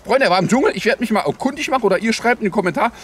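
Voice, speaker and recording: A man's voice: high-pitched, lively intonation, very fast, fairly bright tone, a little hiss or hum. A man as a parody news anchor, improvising satirical headline commentary in a mock-naive, sarcastic, rambling way. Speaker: host of a satirical news show. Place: outdoors in the cold.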